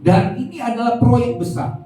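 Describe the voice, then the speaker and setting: A man voicing an angry, hurried office-worker husband who is late for an important meeting, complaining indignantly. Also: very high voice, soft background music, voice pushed up. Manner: shouting complaints, rushed and indignant. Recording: roomy church sound from a distant mic.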